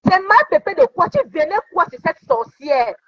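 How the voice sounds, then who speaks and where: Heated social media commentary comes from a woman whose extremely high voice swings widely in pitch at a normal speed. She keeps scolding someone with taunting questions, and the audio is dull and lo-fi.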